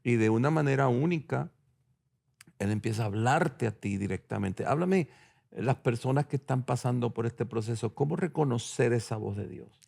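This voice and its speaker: A man's voice: mid-range voice, expressive, moderate pace, gravelly, darkish tone. A man, a pastor hosting the show, asking a guest questions and affirming his answers. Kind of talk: interviewing a guest.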